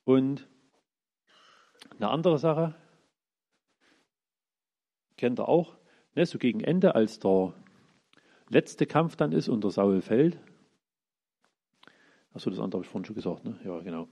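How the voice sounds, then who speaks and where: Animated preacher, mellow husky voice. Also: male voice, medium pitch, measured pace, long pauses. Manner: lively, acts out the characters' lines in everyday speech. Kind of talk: informal sermon retelling Bible stories.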